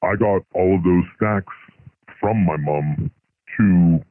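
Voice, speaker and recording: A man calling in anonymously through a voice changer, speaking hesitantly with many pauses and ums. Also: sits low. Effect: voice changer disguising his voice. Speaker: anonymous caller. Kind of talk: confessional phone-in chat. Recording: tinny phone line.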